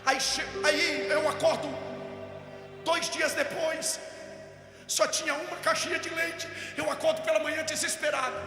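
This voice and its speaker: A male pastor telling a personal story in an impassioned sermon, rising from storytelling to shouted preaching. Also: very high voice, little pitch movement, moderate pace, vocal fry. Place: large hall at a youth event. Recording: echoey hall with music behind.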